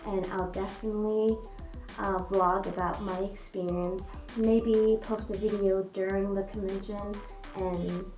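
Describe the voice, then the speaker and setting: In a small, echoing indoor room with faint music, a young woman in a fursuit head chats bubbly and casually to camera, stumbling through fillers and restarts. Her muffled voice is mid-range and darkish, with a flat, unhurried delivery.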